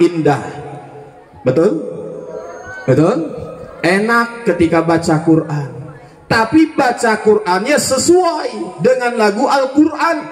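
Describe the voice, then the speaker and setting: A man's voice: very high voice, fairly bright tone. A man preaching to students at a school religious gathering, stirring them up and firing questions at the audience for them to answer back. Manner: rousing, quizzes the audience with call-and-response questions. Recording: echoey room.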